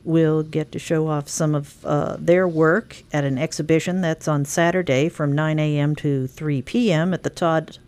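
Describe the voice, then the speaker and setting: A woman with a fairly low voice hosts a radio talk segment. She moves briskly from one item to the next, promoting each event on the list. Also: steady tone, a little mellow. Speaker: radio show host. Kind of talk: scripted-sounding radio interview.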